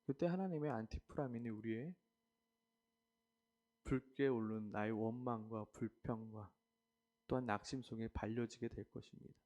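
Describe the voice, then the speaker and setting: A man preaching an earnest devotional sermon, swelling in emphasis and then softening. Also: on the low side, normal speed, pauses often.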